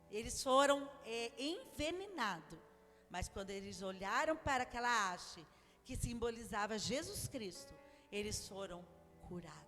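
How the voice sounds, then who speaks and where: A woman's voice: on the high side, a bit bright. A woman with a Brazilian Portuguese accent preaching a sermon, telling stories in a chatty way with many asides. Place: church. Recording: long church hall reverb, faint music.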